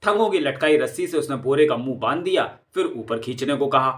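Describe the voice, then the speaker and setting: A man narrating an audio comic story in a steady, expressive storytelling manner. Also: medium pitch, fairly quick.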